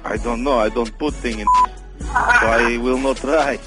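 A man voicing an earnest, deadpan salesman, broken English and w said for v. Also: mid-range voice, measured pace, music in the background, close to an everyday voice. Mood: earnest, apologetic. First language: not English. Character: earnest foreign salesman Boris with dubious products. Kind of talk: deadpan prank phone call.

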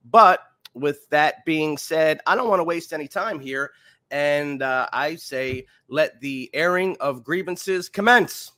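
A man's voice: a little high, slow, bright, forceful tone, dry recording. A man hosting a talk show with a nasal, stuffed-up voice from being a little sick, casually introducing the program. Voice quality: nasal, congested. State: slightly sick with a stuffed nose. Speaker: show host.

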